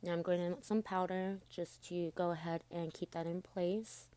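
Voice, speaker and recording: A woman's voice: on the low side, fairly even intonation, moderate pace, warm tone, smooth. A woman doing a casual, chatty tutorial voice-over, speaking informally to her viewers with braces in her mouth. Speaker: makeup tutorial host.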